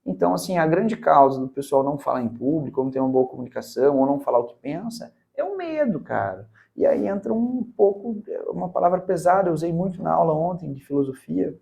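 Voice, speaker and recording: A man's voice: a little high, animated, fast talker, creaky, hardly any pauses, dark tone. A Brazilian man mentoring on public speaking, talking emphatically in a casual interview and often tagging his points with "cara" and "né". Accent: Brazilian Portuguese.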